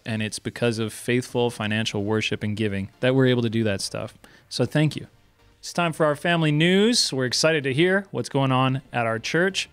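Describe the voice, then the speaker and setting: A man's voice: medium pitch, no echo. A man in his thirties giving friendly, upbeat church announcements at a desk mic in a small studio. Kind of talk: prayer then church announcements. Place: small indoor studio set. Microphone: desk broadcast mic.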